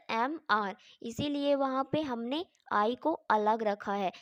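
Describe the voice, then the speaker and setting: A woman's voice: on the high side, no room sound. A woman teaching English grammar in Hindi, spelling words out letter by letter and asking questions she then answers herself.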